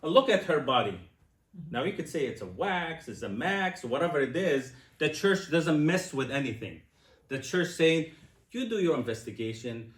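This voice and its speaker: A man in his sixties giving a personal testimony speech, animated and asking his audience questions. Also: on the high side, reverberant. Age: 60s. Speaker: speaker.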